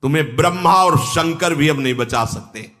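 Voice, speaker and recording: A man's voice: fairly high pitch, moderate pace, a bit bright, natural voice. A male preacher voicing a bold, loyal monkey warrior envoy who rebukes fervently. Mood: stern rebuke.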